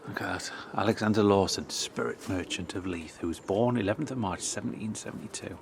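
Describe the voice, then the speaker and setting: This history vlogger is a middle-aged man touring an outdoor churchyard, eagerly chatting and reading aloud from old inscriptions. He speaks a little fast in a voice on the low side, with noticeable vocal fry. Birds can be heard in the noisy outdoor recording.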